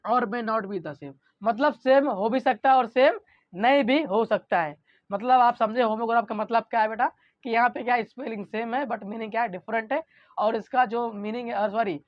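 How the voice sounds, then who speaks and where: A male teacher giving an online grammar lesson. He keeps asking rhetorical questions, answers them himself, and reads example sentences out slowly. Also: very high-pitched, dry recording. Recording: dull lo-fi recording.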